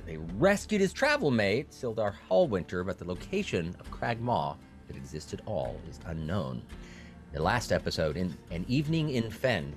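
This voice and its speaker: A man narrating as game master, recapping and setting scenes for a tabletop game in a lively storytelling way. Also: fairly low pitch. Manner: lively storytelling, dramatic pauses.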